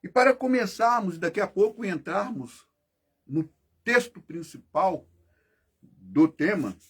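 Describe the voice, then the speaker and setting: A man leads a prayer and opens his sermon, speaking from his own room at home. His voice sits high for a man. He runs through long, rapid lists of praise in a soft, low-key tone. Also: big pitch swings, breathy edge. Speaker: preacher.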